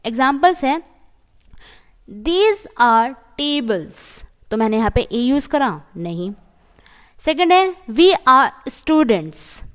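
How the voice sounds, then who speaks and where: A woman teaches English grammar, patiently repeating each point and asking her viewers questions. She speaks slowly in a somewhat high voice and reads the example sentences deliberately. Her voice carries a long reverb, as if she is recorded in a hall. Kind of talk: Hindi-English grammar lesson.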